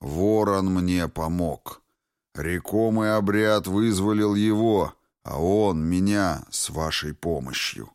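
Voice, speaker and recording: A man voicing an ancient, wrathful ghost dragon in an audiobook, speaking slowly and solemnly. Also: low-pitched, a little mellow, smooth, no echo, studio quality. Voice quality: slow, heavy, solemn delivery.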